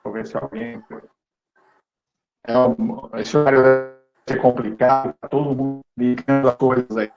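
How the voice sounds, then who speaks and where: A man's voice: mid-range voice, moderate pace, gravelly. A man presenting an online lecture, his call audio breaking up and cutting out as he hesitates and repeats words. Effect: choppy online-call audio breaking up and cutting out. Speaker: webinar presenter. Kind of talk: online lecture, casual explaining. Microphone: computer mic on a video call. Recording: dull lo-fi call audio with faint music.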